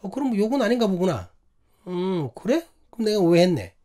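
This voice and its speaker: A man's voice: high voice, big pitch swings, brisk, dark tone. A man voicing an offended young woman from his church group, protesting and complaining in her words. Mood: conceding.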